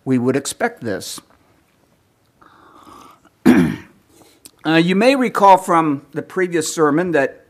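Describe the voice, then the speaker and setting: A man giving a teaching sermon, lecturing in a measured way, clearing his throat often as he is losing his voice. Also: on the high side. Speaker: preacher.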